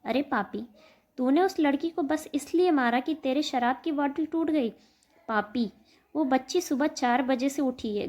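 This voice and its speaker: A woman voicing a sharp-tongued, scolding old mother-in-law in a told story. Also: high voice, natural voice. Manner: scolding, loud.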